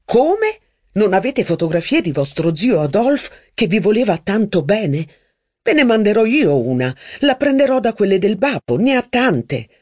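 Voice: mid-range voice, sing-song, measured pace, a little mellow, no echo, studio quality, voice pushed up. A reader doing a young upstart, raised and indignant. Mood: reproachful. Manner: insistent, indignant exclamations. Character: young ambitious upstart man, reproachful.

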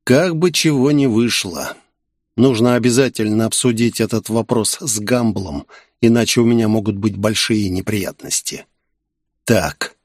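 A man reading a first-person story as an audiobook narrator, with an even, wry delivery. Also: lowish voice, measured pace, no echo, studio quality.

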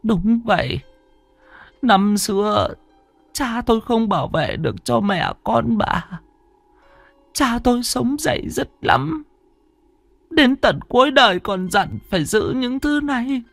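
A man voicing an old grandmother who speaks urgently and pleads with drawn-out words. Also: very high-pitched, very animated, gravelly, fairly bright tone, no echo, soft background music, voice pushed up, heavily acted. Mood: pleading. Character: frightened, stern old grandmother.

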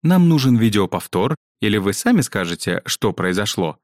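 A man's voice: fairly low pitch, big pitch swings, moderate pace, darkish tone, no room sound. A man voicing a strict, dry-witted woman teacher who questions two pupils in a clipped, stern manner, read out in a storybook.

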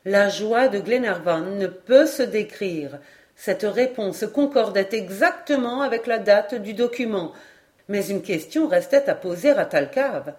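Female audiobook narrator, clear measured storytelling. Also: mid-range voice, expressive, a little mellow. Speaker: audiobook reader. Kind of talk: scripted narration of a classic novel.

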